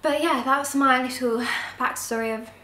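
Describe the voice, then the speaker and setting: A young woman telling a personal story in a casual vlog, frank and expressive, swearing now and then. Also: sits high, moderate pace, a little hiss or hum. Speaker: vlogger. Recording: roomy, mic at a distance.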